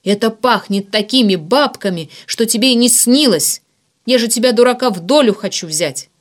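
A woman voicing a greedy, hot-tempered male newspaper editor who shouts and pleads indignantly. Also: sits low, fairly even intonation, fast. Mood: indignant shouting.

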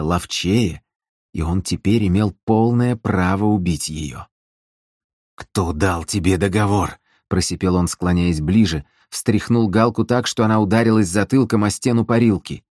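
Man, audiobook narrator, very deep voice, dramatic reading, dry close sound. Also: darkish tone, no echo.

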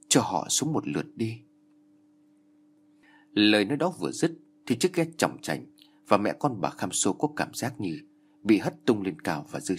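A man narrating a dramatic ghost story in an expressive, animated reading. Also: lowish voice, slightly rough.

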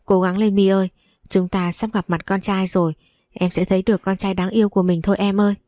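A woman's voice: mid-range voice, flat delivery, fast talker, mellow, no room sound, clean studio sound, natural voice. A woman reading a story aloud, voicing a flustered, panicky young husband who stammers and repeats himself.

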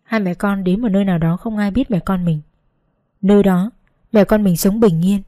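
A woman's voice: medium pitch, normal speed, dark tone, dry recording, clean studio sound, lightly acted. A woman voicing a poor, aging rural mother who pleads tenderly with her daughter in a read-aloud story. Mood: pleading.

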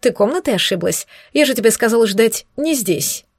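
A woman's voice: fairly high pitch, lively intonation, normal speed, slightly rough, no room sound, clean studio sound. A woman voicing a smug, teasing male demon.

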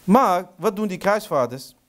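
A man's voice: high voice, lively intonation, a little slow, fairly bright tone. A man lecturing on history, telling it as a story with rhetorical questions and getting heated and indignant. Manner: sprinkles Arabic phrases into speech.

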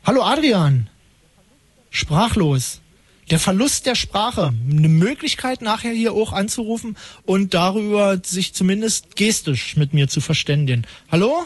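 A man's voice: high-pitched, lively intonation, a little slow, slightly rough, dry recording. A man hosting a call-in radio show, talking in an ironic, rambling, mock-pompous way. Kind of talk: late-night call-in radio banter.

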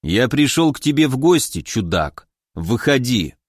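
A man voicing a cocky young male wanderer mage who talks calmly and with a mocking edge, in a dry storybook reading. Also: medium pitch, unhurried, no echo.

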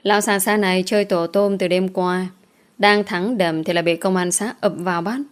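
A woman narrating a romance novel aloud in a steady storytelling manner. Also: medium pitch, moderate pace, clean tone.

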